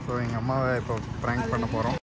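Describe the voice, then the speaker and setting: A man's voice: medium pitch, little pitch movement, very noisy. A young man vlogging with his family on a day trip, talking eagerly. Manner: quick, eager, calling out. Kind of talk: casual family chat. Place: outdoors by a car.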